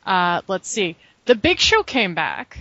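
A woman's voice: mid-range voice, big pitch swings, takes it slowly, bright, forceful tone, no room sound, highs cut off. A woman co-hosting a casual chat, recapping events with dry, sarcastic asides. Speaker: podcast co-host recapping wrestling.

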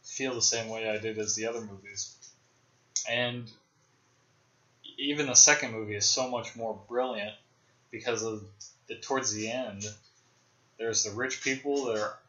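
A man's voice: lowish voice, fairly even intonation, normal speed, pauses often, pushed and bright. A young man hosting a podcast, chatting casually about films, rambling and speculating with many fillers. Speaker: podcast host. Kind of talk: casual film discussion. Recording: roomy, dull lo-fi podcast audio.

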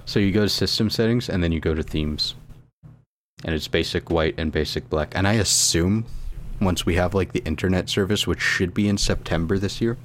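Very low-voiced man explaining game settings. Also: normal speed, a little hiss or hum. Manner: explains settings step by step, swears casually. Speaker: podcast co-host. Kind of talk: casual chat about video games.

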